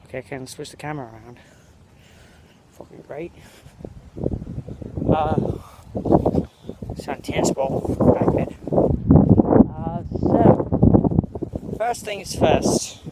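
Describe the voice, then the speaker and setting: Walking a school campus outside and filming on his phone, a young American man hosts a rambling walk-and-talk vlog in a put-on British accent. He sounds a little high and expressive, speaks slowly with frequent pauses, and keeps joking, meandering, and correcting himself between fillers. The recording is very noisy.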